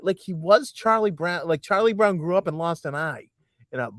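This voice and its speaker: A man's voice: on the high side, expressive, normal speed, fairly bright tone, dry recording, clean studio sound. A man co-hosting a casual podcast, joking and often restarting his sentences. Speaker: podcast co-host. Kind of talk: casual chat.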